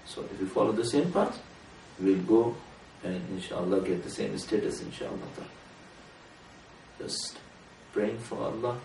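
A man giving an earnest sermon to a small gathering, speaking in a measured way that rises for emphasis. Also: fairly low pitch, gravelly, darkish tone. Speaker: religious speaker. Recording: roomy room from a distance, faint noise.

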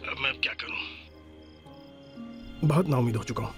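A man's voice: medium pitch, fairly bright tone, soft background music, natural voice. An actor playing a desperate, guilt-ridden middle-aged man in a dubbed TV drama, pleading and anguished. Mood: hopeless. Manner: anguished, pleading, breaks down weeping.

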